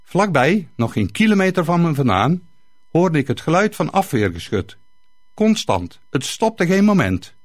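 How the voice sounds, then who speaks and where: Lively male storyteller, dry close sound. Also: fairly high pitch, measured pace, no room sound. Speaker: narrator. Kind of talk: first-person story narration.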